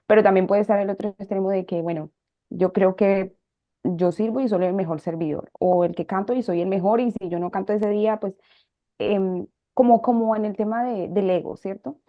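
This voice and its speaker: A woman's voice: mid-range voice, fairly even intonation, moderate pace, dry recording. A woman hosts a faith podcast, working her way thoughtfully toward a question with plenty of fillers. Her voice sits mid-range, recorded dry and dull, a little lo-fi. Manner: thoughtful, searching, many fillers while framing questions. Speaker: podcast host. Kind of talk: faith-based podcast conversation.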